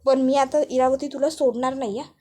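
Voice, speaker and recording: Angry older woman, loud, high and accusing, as a woman puts her on. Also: fairly even intonation, fairly quick. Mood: furious. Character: fierce older woman confronting a schemer.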